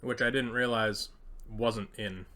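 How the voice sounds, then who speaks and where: Brief: male co-host, bright, crisp tone, casual and hesitant, home kitchen. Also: lowish voice, fairly even intonation. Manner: halting, with many pauses and fillers. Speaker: co-host of a food review channel. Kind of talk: casual taste-test chat.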